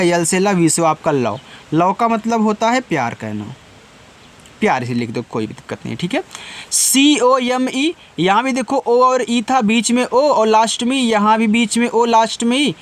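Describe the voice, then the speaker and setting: A man teaching English words letter by letter, spelling slowly, then explaining patiently and answering his own questions. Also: high voice. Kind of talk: Hindi-language spelling lesson.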